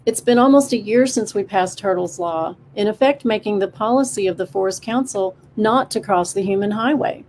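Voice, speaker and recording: A woman voicing a male owl who leads a forest council in a storybook, calm and measured. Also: mid-range voice, a little hiss or hum, lightly acted. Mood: steady. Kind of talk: storybook character voice.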